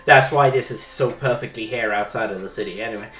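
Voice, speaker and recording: A man acting as game master in an online tabletop game, halting and often rephrasing himself. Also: on the low side, fairly bright tone. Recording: roomy, echoey microphone with faint music.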